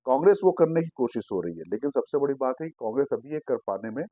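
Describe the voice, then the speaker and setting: A man's voice: mid-range voice, animated, fast talker, no room sound, narrow, tinny audio. A man hosting a digital political news show, giving assertive commentary and explaining a clip to viewers.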